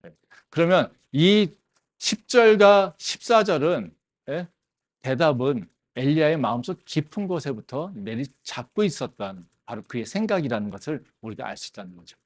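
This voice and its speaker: A man's voice: a little high, moderate pace. A man preaching a sermon as pastor of a campus church, talking animatedly and asking the congregation rhetorical questions. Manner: animated, with rhetorical questions and frequent affirming interjections.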